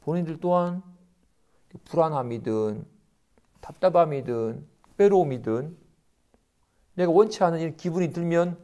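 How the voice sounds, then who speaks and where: A man's voice: normal speed, long pauses. A middle-aged man, a Buddhist monk, giving a conversational dharma lecture on a sutra. He often checks in with his listeners and acts out the voices he quotes. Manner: animated, acts out quoted voices with pitch jumps; conversational, often adds tag questions.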